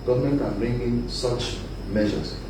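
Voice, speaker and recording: A Nigerian man, a guest on a live panel discussion, talking forcefully and often asking "you understand me?". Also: medium pitch, normal speed. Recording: echoey room, mic at a distance, noisy.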